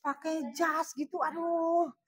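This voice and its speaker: A woman's voice: very high-pitched, fairly even intonation, slow pace. A woman giving a casual, emphatic motivational training talk and laughing often. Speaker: motivational trainer for charity fundraisers.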